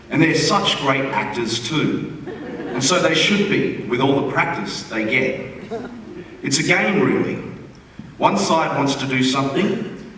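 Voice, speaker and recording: A wry, conversational Australian man with a medium, slightly bright voice reads a humorous postcard aloud as a reader at a theatre forum. The large indoor venue adds hall echo and room noise, and the mic is distant.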